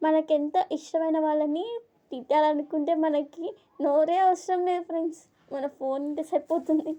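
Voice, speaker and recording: A woman walks her viewers through phone settings in a friendly, casual tutorial, calling them friends. Her voice is high and soft, with a dark, mellow tone. She echoes each menu item the screen reader announces. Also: steady tone, moderate pace. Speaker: tutorial host.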